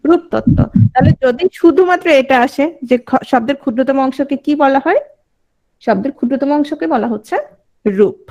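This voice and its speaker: A woman's voice: sits high, normal speed, a little mellow. A woman teacher giving an online class lecture, quizzing her students and repeating their answers back to them.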